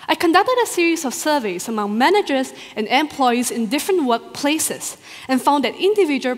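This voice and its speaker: A woman doctoral researcher giving a rehearsed competition talk to a live audience in a large hall, expressive and full of rhetorical questions. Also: high voice. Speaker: doctoral researcher presenting her thesis. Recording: long hall reverb.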